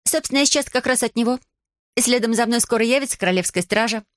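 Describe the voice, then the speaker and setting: A woman's voice: a little high, fast, no echo, clean studio sound, voice pushed up, close to an everyday voice. A woman voicing a cheeky young sorceress. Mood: cocky. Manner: confident and cheeky. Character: bold young girl sorceress with wand, cheeky.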